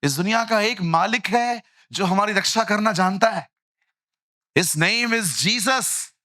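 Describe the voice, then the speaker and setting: A man preaching a lively sermon in Hindi mixed with English phrases, telling stories and acting out the voices in them. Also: high voice, takes it slowly, no echo, clean studio sound. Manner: animated storytelling, acts out quoted voices, jokey asides.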